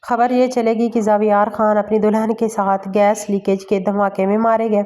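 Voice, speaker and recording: Scheming cousin, mocking and cold, flat and mellow, read by a woman. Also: mid-range voice, lightly acted. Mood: taunting. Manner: taunting, mocking. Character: sneering scheming young man, rival cousin.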